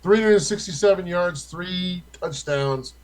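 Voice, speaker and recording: A man's voice: sits high, a little slow, poor audio. A young man co-hosting a casual fantasy football chat, rattling off stats in a loose, profane way.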